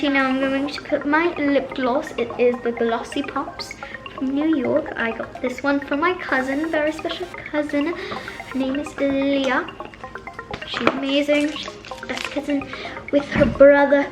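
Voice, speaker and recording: High-voiced woman chatting through a makeup tutorial. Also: fairly even intonation, a little slow. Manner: chatty, frequent fillers, self-correcting. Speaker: makeup vlogger. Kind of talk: casual makeup tutorial chat. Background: background music.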